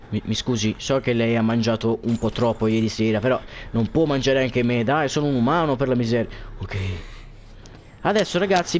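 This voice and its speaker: Here a man whose first language is Italian provides commentary on a horror game for his audience, jittery and full of jokes, cursing frequently when something frightens him. His voice sits in the mid-range, and there's a slight hiss or hum on the recording.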